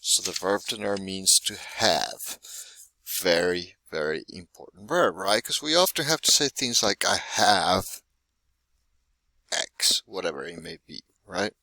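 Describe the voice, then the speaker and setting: A man's voice: sits low, lively intonation, measured pace, creaky, pushed and bright, no echo. A man in his forties teaching a Spanish lesson, patient and often checking in with "right?". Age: 40s. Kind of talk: recorded classroom lesson.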